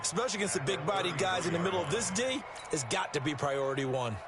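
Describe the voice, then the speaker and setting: A man playing a football color commentator in a video game, explaining with emphasis over loud stadium noise. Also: high voice, expressive, fast. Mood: analytical. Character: male football color analyst, knowledgeable and explanatory. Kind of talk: American football analysis.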